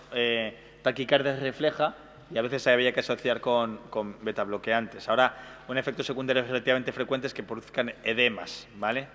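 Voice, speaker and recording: A man teaching a brisk exam-prep medical lecture, often checking in with his listeners. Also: mid-range voice, a bit bright. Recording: hall reverb.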